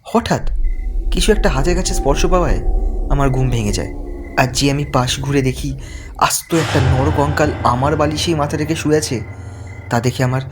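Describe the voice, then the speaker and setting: At a moderate pace, a man with a mid-range voice lightly acts the role of a frightened young man. Accompanied by music, he tells his haunted-house horror story in dramatic, suspenseful first-person narration.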